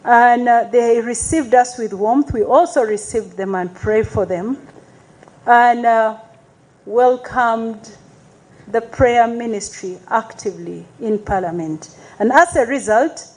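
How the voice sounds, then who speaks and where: A woman, an Anglican chaplain giving a formal, measured address to a congregation, with call-and-response praise. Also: on the high side, darkish tone, rough recording. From Uganda.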